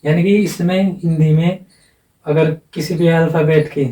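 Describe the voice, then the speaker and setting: A man teaching an exam-prep lesson with a somewhat high, mellow voice, patient and repetitive, drawing out each example sound. He is heard from a distance in an echoey room. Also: fairly even intonation, a little slow.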